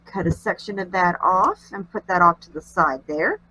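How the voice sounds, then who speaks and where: A woman's voice: lowish voice, normal speed, bright, forceful tone, slight background noise, low-quality recording. A woman with a nasal, allergy-congested voice hosting a craft tutorial, chatting in a homey way as she works. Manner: chatty, homey, talks while working. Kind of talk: casual craft tutorial narration.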